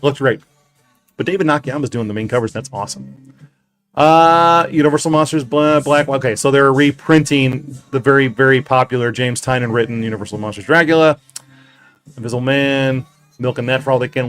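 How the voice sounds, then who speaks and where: A man running a casual livestream from his basement office, swearing a lot, getting excited and then putting himself down. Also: mid-range voice. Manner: profane, excitable, self-deprecating. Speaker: comic shop owner streaming.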